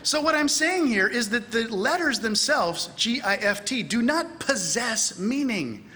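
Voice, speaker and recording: Speaking at an extremely high pitch and a measured pace, a middle-aged man gives a pulpit lecture in a large church hall, with slight background noise. This church conference speaker is animated and voices dialogue in a raised tone.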